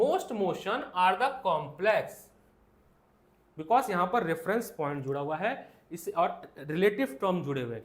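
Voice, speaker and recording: Lively high-pitched Indian male teacher. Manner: mixes Hindi and English, reads textbook lines slowly and explains with stories; addresses students by name, asks many rhetorical questions. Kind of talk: classroom science lecture.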